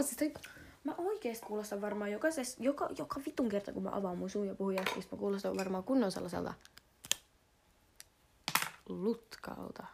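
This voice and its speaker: Slangy, gravelly teenage girl. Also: medium pitch. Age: teens. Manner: slangy, dramatic, swears a lot, jumps between whispers and outbursts. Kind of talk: casual monologue.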